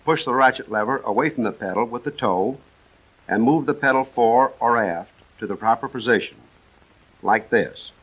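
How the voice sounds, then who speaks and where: On a dull, band-limited 1940s film soundtrack, an American man with a husky, medium-pitched voice reads military instruction from a script. He is measured and precise, laying out each step in orderly fashion.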